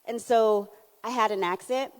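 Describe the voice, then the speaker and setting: A woman's voice: fairly high pitch, unhurried, smooth. A young adult woman from Canada with a Jamaican accent, giving a conference keynote and drawing in the audience with questions. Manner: animated, engaging the audience with questions and laughs. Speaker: keynote speaker. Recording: hall reverb.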